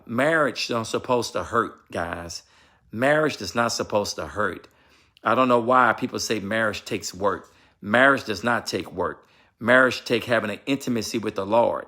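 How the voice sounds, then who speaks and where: A man's voice: fairly low pitch, fairly bright tone. A man giving marriage advice in a vlog, talking in an emphatic, repetitive, sermon-like way and addressing his viewers directly. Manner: addresses viewers and asks his wife for confirmation. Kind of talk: preachy casual talk.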